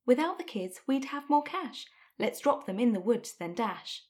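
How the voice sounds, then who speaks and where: A woman's voice: fairly high pitch, big pitch swings, normal speed, a little mellow. A woman voicing a grumpy, scheming stepmother in a read-aloud storybook, with a huffy manner.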